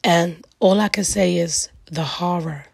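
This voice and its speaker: A middle-aged woman with a raspy, gravelly voice hosts a solo reflective talk, speaking earnestly and emphatically in weighty repeated phrases. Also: lowish voice, measured pace, no echo, studio quality. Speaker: podcast host.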